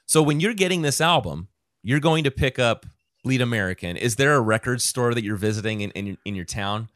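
A middle-aged man hosting a podcast, chatting casually with many halting restarts. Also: medium pitch, animated, a bit bright, dry recording, studio quality. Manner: halting, restarts often, friendly questions. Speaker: podcast host.

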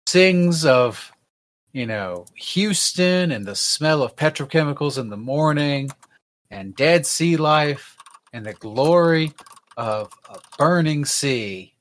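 Male game master narrating a tabletop game, wry and rambling, animated pitch, slow pace. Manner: rambling, wry, with many fillers.

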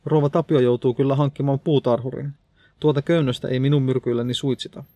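A blunt, defiant house cleaner voiced by a male narrator in a storybook reading, with a gravelly, dark tone. The lines come scolding and stubborn, recorded dry and close. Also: medium pitch, steady tone, dry recording, lightly acted. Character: stern, gruff house cleaner with a mop, defiant.

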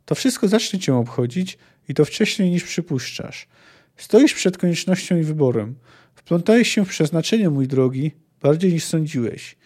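A man reading the lines of a secretive, persuasive sorceress from a fantasy novel in an even, measured way. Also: fairly high pitch, husky. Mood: ominous. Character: cold, secretive sorceress woman, firm and persuasive.

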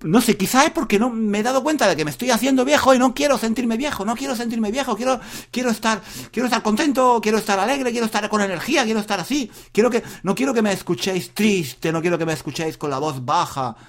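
A middle-aged man hosting a casual podcast for learners, energetic and full of repetitions and laughter. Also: high voice, fast. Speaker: podcast host, Spanish teacher.

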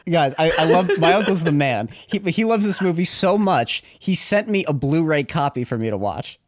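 A man's voice: fairly high pitch, animated, moderate pace, no echo, studio quality. A man co-hosting a comedy podcast, easygoing and self-mocking, laughing often as he talks. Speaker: podcast co-host. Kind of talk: casual comedy chat.

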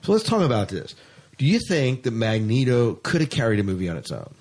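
A podcast host chats casually about sci-fi news with enthusiastic, informal energy. His medium-pitched voice is very animated, a little fast, slightly mellow, and husky.

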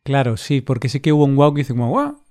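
A man from co-hosts a relaxed podcast chat for learners. He talks slowly and clearly in a playful tone and laughs easily. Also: medium pitch. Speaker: podcast co-host. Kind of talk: casual chat for language learners.

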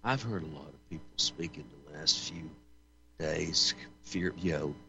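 A man's voice: extremely low pitch, measured pace, creaky, bright, forceful tone, a little hiss or hum. A man talking on a phone line whose audio keeps cutting out, so his voice comes through faint and broken up. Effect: phone audio cutting out, faint and breaking up. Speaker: roundtable panelist calling in. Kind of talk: casual talk-show discussion.

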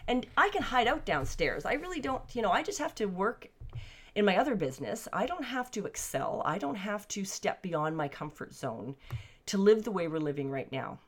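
A woman's voice: medium pitch, big pitch swings, normal speed. An older woman talking candidly and conversationally to camera at home, thinking aloud about her life. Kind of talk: personal reflective monologue. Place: basement suite at home.

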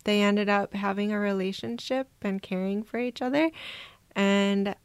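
A woman from Minnesota, a guest on an interview podcast, telling her personal story in a reflective, soft-spoken way. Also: mid-range voice, steady tone, moderate pace, clear, resonant tone, no room sound. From Minnesota, USA. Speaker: guest adoptee.

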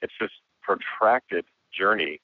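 A man with a hoarse voice, a guest musician and filmmaker talking reflectively in a casual interview. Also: deep voice, takes it slowly, dry recording. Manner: reflective, with frequent restarts and laughs. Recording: tinny phone-like line.

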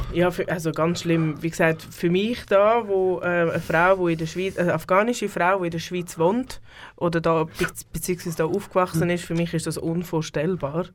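A woman's voice: fairly low pitch, steady tone, normal speed, slight background noise. A woman with a Swiss German accent, a singer guest in a radio studio interview, talking with many fillers and restarts. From Switzerland.

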